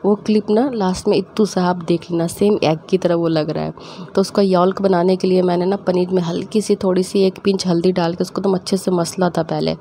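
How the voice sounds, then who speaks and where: A young woman talks through a cooking video, telling family stories with frequent laughs and little acted-out quotes of her scolding mother. Her voice sits a bit low and mellow. A faint hiss of background noise runs under the recording. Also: steady tone, brisk. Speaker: cooking vlogger. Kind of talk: casual storytelling while cooking.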